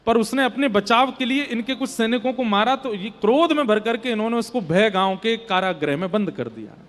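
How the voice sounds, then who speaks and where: A man telling a devotional story in a sermon, emotive, his voice swelling louder on devotional lines. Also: sits high, fairly quick. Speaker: Bhagavat storyteller. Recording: long hall reverb.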